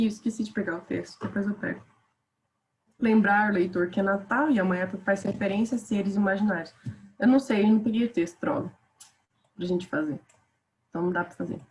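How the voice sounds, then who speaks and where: A woman's voice: mid-range voice, a little mellow. A woman teacher with a Brazilian Portuguese accent, giving a casual, chatty grammar lesson and calling her students "gente".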